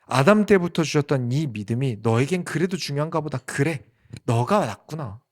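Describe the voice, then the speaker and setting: A man's voice: a little high, animated, normal speed, close to an everyday voice. A man voicing an aging patriarch speaking earnestly to his son, as part of a sermon. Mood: resigned.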